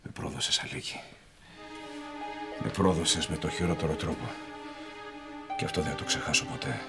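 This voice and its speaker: An actor playing a middle-aged magazine boss who accuses a colleague of betrayal, furious and shifting from hushed to shouting. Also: male voice, on the low side, over loud music, lightly acted. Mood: bitter. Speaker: magazine owner. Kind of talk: TV soap drama acting.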